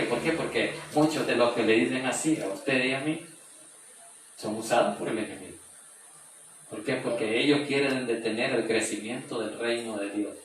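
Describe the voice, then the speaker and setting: A man's voice: mid-range voice, background noise. Echoey, distant male preacher. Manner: reads a verse, then retells it in plain everyday speech. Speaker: preacher leading a Bible study. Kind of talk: conversational Bible study teaching. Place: church meeting room. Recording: very echoey room, voice far from the mic.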